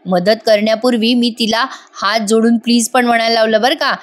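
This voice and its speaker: A woman's voice: fairly high pitch, steady tone, fairly quick, close to an everyday voice. A woman voicing a scheming older aunt who boasts about her plotting in a TV drama retelling. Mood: smug. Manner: smug, plotting.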